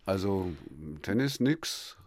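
A man hosting a radio interview, asking lively, teasing questions. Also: lowish voice, takes it slowly, no echo. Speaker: radio host.

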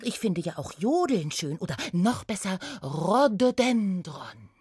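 A woman voicing a tiny, excited female gnome trainee who chatters eagerly in a high, bouncy voice. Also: a little slow, breathy edge, no room sound, clean studio sound, full character voice.

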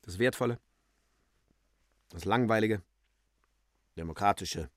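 Guy reading literature real slow and dramatic, dry close sound, voice jumps up and down. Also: fairly low pitch, no room sound. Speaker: reader.

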